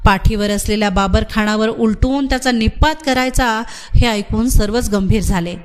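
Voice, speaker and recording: A woman narrates a novel in a measured, literary manner. Her voice sits somewhat high for a woman. The reading is steady and unhurried in its phrasing.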